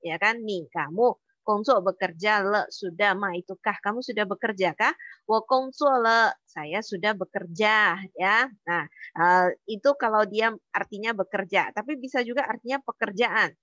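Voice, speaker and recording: A woman's voice: mid-range voice, pushed and bright, dry recording, highs cut off. A woman teaching a Mandarin lesson online, explaining words step by step with patient fillers.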